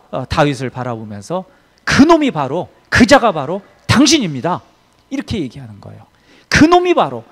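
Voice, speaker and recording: A man preaching a Sunday sermon as pastor, telling a story with emphatic swings in loudness. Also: fairly high pitch.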